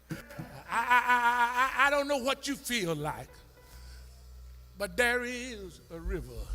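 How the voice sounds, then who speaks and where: This Southern American preacher has a very high-pitched, sharp voice. He calls out to the church congregation in emotional, dialect-heavy call-and-response, building into a chanted, sung whoop.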